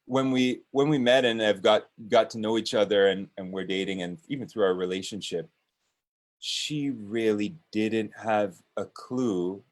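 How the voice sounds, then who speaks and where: Slow, low-voiced hesitant man. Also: fairly even intonation. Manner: hesitant, with many restarts and fillers. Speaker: business owner and panel guest. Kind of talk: panel discussion.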